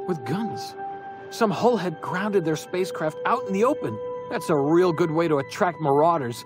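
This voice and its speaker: An actor playing a wounded, hapless corporate guard in a video game, chatty and colloquial in a pained way. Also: male voice, on the high side, natural voice. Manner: colloquial, slogan-reciting, pained. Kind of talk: video game character dialogue.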